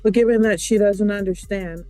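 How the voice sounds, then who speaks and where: A judge speaking in a measured, matter-of-fact way during a court hearing. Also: medium pitch, steady tone, dark tone, faint music behind.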